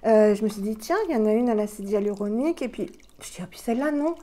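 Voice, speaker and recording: Casting note: middle-aged woman, mellow tone, a little breathless, chatty home beauty vlogger with a clip-on mic. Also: mid-range voice, lively intonation, quick pace. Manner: chatty, many fillers and restarts, demonstrating products. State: slightly out of breath. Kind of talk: casual product review. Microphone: plugged-in microphone.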